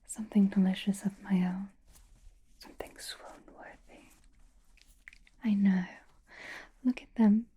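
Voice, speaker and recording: In a soft, breathy whisper at medium pitch, a woman voices a seductive female vampire for an ASMR roleplay, sounding smug and possessive. She teases and dotes on the listener in a slow, deliberate manner.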